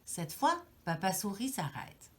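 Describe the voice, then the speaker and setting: A woman with a Québécois accent, a daycare educator, reading a picture book aloud to young children with gasps and asides. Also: mid-range voice. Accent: Québécois French.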